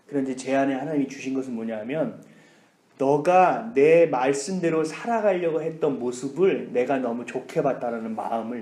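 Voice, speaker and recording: A male pastor preaching a sermon, telling a personal story with lively, animated delivery. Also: medium pitch. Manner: animated storytelling, whispers inner thoughts. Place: church sanctuary. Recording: echoey church hall.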